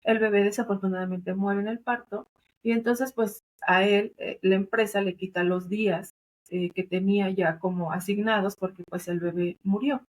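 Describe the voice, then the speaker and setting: This woman's voice is medium in pitch, steady in tone, and moves at a normal speed. A guest on a podcast, the doula and thanatologist explains things earnestly in a Mexican Spanish accent, often using fillers and tag questions during the interview.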